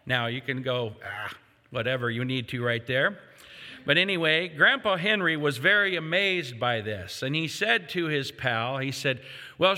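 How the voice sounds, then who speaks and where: Bright-voiced older pastor preaching in a hall. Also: male voice, a little high. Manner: folksy, joking storyteller addressing a congregation. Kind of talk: sermon. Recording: reverberant hall.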